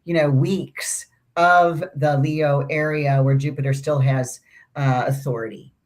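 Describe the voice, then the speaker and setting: This is a woman with a notably low, deep voice co-hosting an astrology conversation. She talks loosely and chattily, circling back on her points and tossing in asides. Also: steady tone, a little slow, darkish tone. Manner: chatty, rambling, with restarts and asides. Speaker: astrology podcast co-host. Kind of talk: casual conversational astrology discussion.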